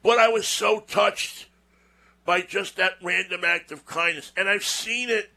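A man's voice: high-pitched, measured pace, bright, forceful tone. A man hosting a show, telling a personal story in a casual, rambling monologue with folksy asides and repeated words. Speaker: show host.

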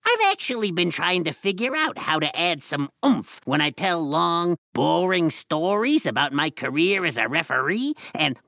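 A woman voicing a goofy, long-winded former referee in a children's audio comedy, talking slowly with a drawl and dopey reactions. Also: lowish voice, sing-song, fairly bright tone, no echo, studio quality. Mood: dopey, curious. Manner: slow, drawling, with a gravelly edge and dopey reactions. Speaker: co-host of a kids' story show.

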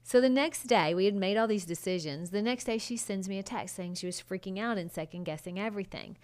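A woman's voice: mid-range voice, fairly quick, darkish tone. A woman speaks as the host of a solo podcast. Her mid-range voice is conversational and casual. She addresses listeners directly and leans on key words to make her points. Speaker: podcast host and design consultant.

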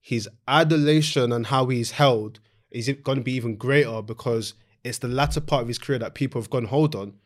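A man's voice: mid-range voice, a little fast. London guy hosting a footy panel chat, slangy, keeps repeating himself to make his point. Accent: London, urban slang. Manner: slangy, insistent, repeats phrases. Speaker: football podcast host. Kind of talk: casual panel discussion.

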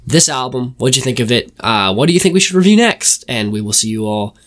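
A man co-hosting a casual podcast, talking in a rambling, joking way with lots of fillers, his voice gravelly and a bit hoarse. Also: medium pitch, lively intonation, a little fast, fairly bright tone. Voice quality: gravelly, smoker-like voice. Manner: rambling, self-mocking, full of fillers. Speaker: podcast co-host.

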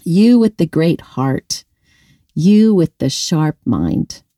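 A woman's voice: deep voice, very animated, slow, mellow, no room sound, clean studio sound. A middle-aged woman giving an upbeat motivational talk to women, speaking directly to the listener and laughing often.

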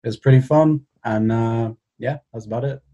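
A man's voice: medium pitch, normal speed, mellow, lo-fi sound. A young man with a Cardiff Welsh accent, chatting casually as an interview guest in a hesitant, understated way. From Cardiff, Wales. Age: young adult. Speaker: podcast guest, cartoonist.

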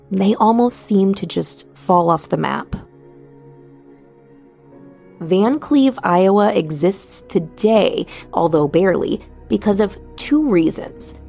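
Female sleep story narrator, soft and soothing, mid-pitched with noticeable vocal fry, music underneath. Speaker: podcast host and narrator. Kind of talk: sleep story narration, scripted true crime bedtime storytelling.

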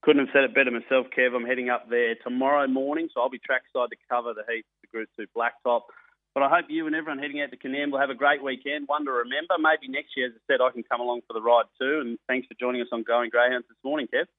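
Man, Australian accent, matey colloquial sports presenter, mid-pitched, close dry radio sound. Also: steady tone, fast talker, no room sound, narrow, tinny audio. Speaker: radio greyhound racing presenter and tipster. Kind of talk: casual sports radio interview and racing tips.

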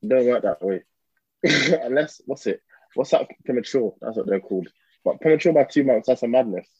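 A man's voice: medium pitch, expressive, moderate pace, darkish tone, husky, dry recording, lo-fi sound. A man with a London accent hosting a podcast in casual, slangy chat. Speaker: podcast host.

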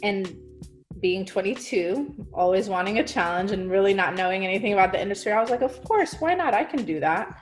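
A woman's voice: medium pitch, lively intonation, brisk, faint music behind. A woman talking casually as an interview guest, chatty and full of fillers. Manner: chatty, fillers like "like" and "you know". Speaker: music marketing guest.

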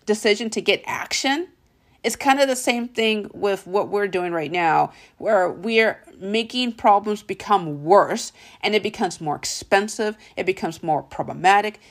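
A woman hosting a motivational podcast, telling stories in an animated way and calling the listener honey and darling. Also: mid-range voice. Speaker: podcast host.

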